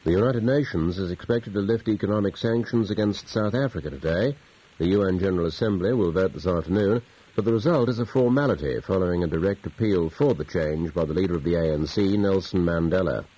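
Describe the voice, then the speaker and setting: A man's voice: low-pitched, mellow, breathy edge. A man reading a formal morning news bulletin, heard as a dull, tinny broadcast from a clock radio. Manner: measured, formal news delivery. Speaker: radio newsreader.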